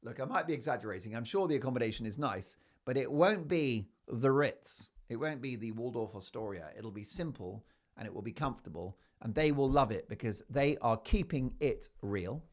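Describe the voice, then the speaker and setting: A man's voice: medium pitch, normal speed. A man hosting a talk show, delivering emphatic, opinionated commentary with playful mocking asides. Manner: emphatic, animated, keeps asking "right?". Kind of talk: opinionated news commentary monologue.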